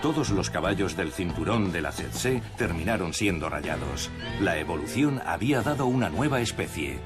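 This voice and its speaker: A man's voice: low-pitched, lively intonation, normal speed. A man reading scripted narration for a nature documentary. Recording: music under the voice. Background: prominent music.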